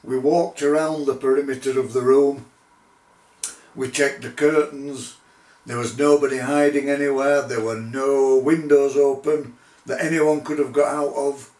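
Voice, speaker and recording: A middle-aged man telling his own paranormal investigation story in a measured, deliberate way, with pauses. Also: medium pitch, level tone, a little mellow. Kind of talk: unscripted spoken storytelling. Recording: roomy echo, distant microphone.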